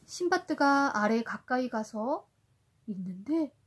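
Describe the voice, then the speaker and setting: A woman reading a picture book aloud to a toddler in an expressive storytelling style. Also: high voice, unhurried, slightly rough.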